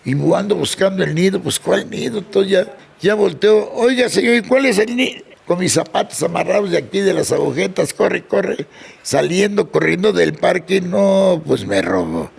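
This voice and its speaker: Gravelly older man. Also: normal speed. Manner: animated anecdote teller, jumps high when quoting people. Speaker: interview guest, sonidero. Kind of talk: casual storytelling.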